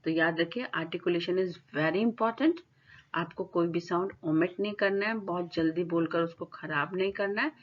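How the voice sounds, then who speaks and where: Woman teacher lecturing, slow English definitions. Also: lowish voice, muffled recording. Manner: explains in Hindi, reads definitions slowly in English. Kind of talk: classroom lecture.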